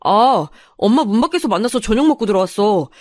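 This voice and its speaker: A woman's voice: mid-range voice, expressive, brisk, darkish tone, natural voice. A woman voicing a young husband who speaks in a casual, offhand manner for a radio drama.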